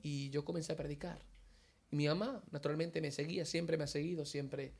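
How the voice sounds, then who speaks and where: Gravelly man telling his testimony. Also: a little high, fairly even intonation, fairly quick, darkish tone. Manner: vivid storyteller acting out quoted dialogue. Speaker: interview guest giving a faith testimony. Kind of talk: emotional personal testimony.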